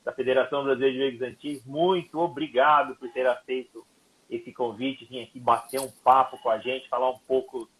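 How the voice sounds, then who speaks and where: A man's voice: medium pitch, steady tone, brisk, a bit bright. A man hosting a live online talk show, chatting casually and greeting viewers one by one by name. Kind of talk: casual live-stream chat. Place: home, Ribeirão. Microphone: wireless mic. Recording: roomy and distant with faint background noise.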